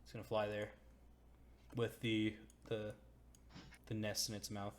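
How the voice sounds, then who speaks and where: Low-voiced man running a tabletop game. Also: unhurried, slight background noise. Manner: relaxed, chatty, hesitant with fillers and restarts. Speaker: dungeon master. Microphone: home computer mic, voice chat.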